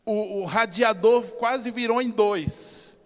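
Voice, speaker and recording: Emphatic high-voiced Brazilian pastor. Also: male voice, slow pace. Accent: Brazilian Portuguese. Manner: emphatic, storytelling, swings between loud and soft. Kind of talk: sermon. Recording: reverberant church hall.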